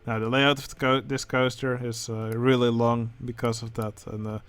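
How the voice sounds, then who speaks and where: A man with a Dutch accent, speaking English as a second language, who hosts a channel and comments casually on game contest entries, pausing often with filler sounds. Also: medium pitch, level tone, a bit bright, clean tone. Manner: hesitant, many filler sounds. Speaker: channel host judging a building contest.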